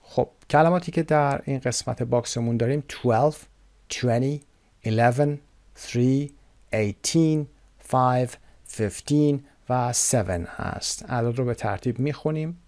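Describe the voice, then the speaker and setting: Man, english teacher, patient and clear, drawn-out words, dry close-miked voice. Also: mid-range voice, a little mellow, no room sound. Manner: slow, clear explanations, drawing out English words. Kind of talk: recorded online lesson.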